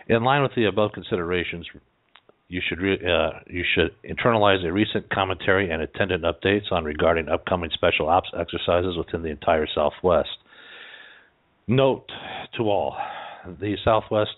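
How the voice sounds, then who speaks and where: A man with a low voice reads out political commentary on a muffled, lo-fi recording. His phrasing is wordy and formal, broken by folksy asides. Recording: dull, band-limited lo-fi audio.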